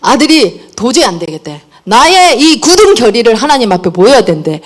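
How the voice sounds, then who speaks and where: A middle-aged woman giving a parenting lecture, telling personal stories in an animated way and acting out the dialogue. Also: fairly high pitch, fairly quick.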